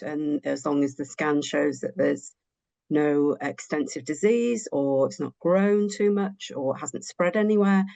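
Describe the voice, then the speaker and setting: A woman specialist nurse answering a question in an online session, in a measured way with many fillers. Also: on the low side, darkish tone, no echo.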